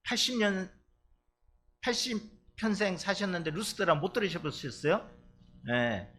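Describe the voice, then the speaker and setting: A man's voice: sits high, lively intonation, a little slow, bright, forceful tone, a little hiss or hum. A male pastor from Chungcheong preaching a sermon in a church, chatty and playful with the congregation. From Chungcheong, Korea. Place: church sanctuary.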